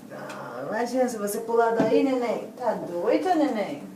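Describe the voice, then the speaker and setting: A young mother at home after a bath, coaxing her baby in gentle sing-song baby talk. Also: on the high side, sing-song, normal speed. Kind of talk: talking to a baby. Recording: echoey room, far mic, loud noise.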